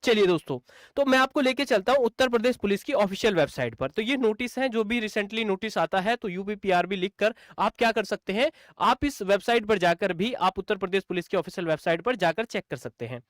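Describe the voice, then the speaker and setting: This clip has a man teaching exam coaching in an explainer video, his high voice expressive and fairly quick, with no echo. Again and again he asks his own rhetorical questions and answers them, addressing viewers as friends and brother.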